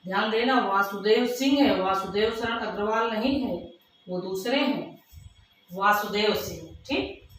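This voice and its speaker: Slow-dictating woman teacher in an echoey room. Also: mid-range voice. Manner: repeats terms slowly, word by word, calls students 'beta'. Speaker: Hindi literature teacher. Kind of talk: dictation-paced exam lesson. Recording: echoey room from far off, faint hiss.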